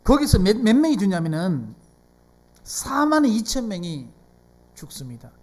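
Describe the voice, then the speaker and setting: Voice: mid-range voice, big pitch swings, a little slow, a little mellow. A pastor from South Korea with a Gyeongsang accent, preaching a sermon in a church and putting frequent rhetorical questions to the congregation. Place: church sanctuary.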